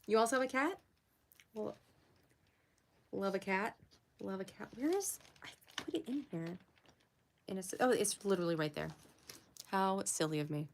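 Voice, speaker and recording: A young woman hosting a casual art livestream, chatting with viewers as she works, giggling often and jumping up high to greet people. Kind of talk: casual livestream chat while drawing.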